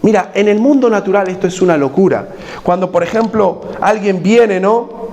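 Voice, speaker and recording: A man's voice: high-pitched, moderate pace, darkish tone, a little hiss or hum. A man preaching a sermon as pastor in a church, putting questions to the congregation and repeating his key points.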